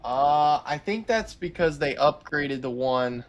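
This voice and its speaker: A man's voice: on the high side, lively intonation, slow pace, dull audio. A man co-hosting live storm coverage, thinking aloud in a cautious, hedging way. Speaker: co-host storm tracker. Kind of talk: live weather commentary.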